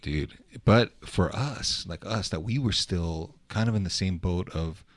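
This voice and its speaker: A man's voice: deep voice, unhurried, no echo. A man hosting a podcast, chatting casually and loosely with lots of slang and filler words. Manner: laid-back, slangy, with lots of "like", "dude" and "bro". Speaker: podcast host. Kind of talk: casual interview chat. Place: podcast studio.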